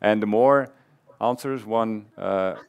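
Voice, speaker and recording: A man's voice: on the low side, takes it slowly, gravelly, smooth. A man in his thirties hosting on a conference stage, moderating a live audience poll in an upbeat way, laughing easily, speaking into a headset mic.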